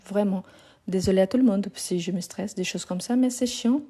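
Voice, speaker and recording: A woman teaching a live online lesson on her phone, slowly repeating each verb and confirming her students' answers with patient approval. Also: medium pitch, dark tone, breathy edge. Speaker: French teacher.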